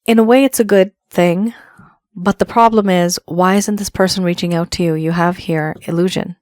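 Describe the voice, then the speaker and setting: A woman's voice: on the low side, fairly even intonation, normal speed, a little mellow, no echo, clean studio sound. A woman giving an earnest tarot reading, her voice still worn from the flu, repeating phrases for emphasis. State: voice affected by flu. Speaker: tarot reader.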